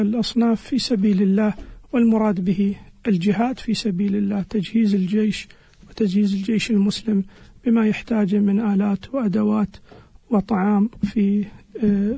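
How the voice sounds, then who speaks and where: A man explaining religious rulings as a scholar on a radio program, in a measured, halting way with pauses. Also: high voice, steady tone, vocal fry, dark tone, husky, no room sound. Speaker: Islamic scholar answering listeners' questions.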